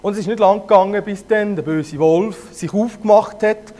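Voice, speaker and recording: A man with a Zurich Swiss German accent casually retelling a fairy tale, lively, with hesitations. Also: high voice, normal speed, soft background music. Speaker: storyteller.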